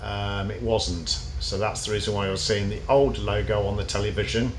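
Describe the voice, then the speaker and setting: A man's voice: fairly low pitch, fairly even intonation, normal speed. A man giving a casual, explanatory vlog commentary from inside a parked bus. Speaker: bus enthusiast presenting a video. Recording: noisy vehicle ambience.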